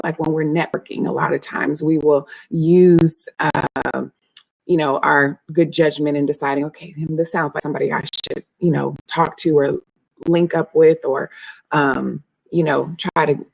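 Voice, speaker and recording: A woman's voice: sits low, creaky, no echo, rough recording. A woman hosting a live stream, explaining things casually and conversationally as if thinking aloud.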